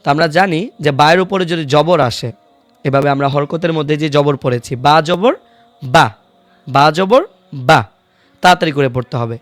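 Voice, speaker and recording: A man's voice: fairly high pitch, no room sound, soft background music. Man teaching Quran reading, patient and dry-sounding. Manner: patient, repeats each syllable slowly for students to follow. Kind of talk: online recitation lesson.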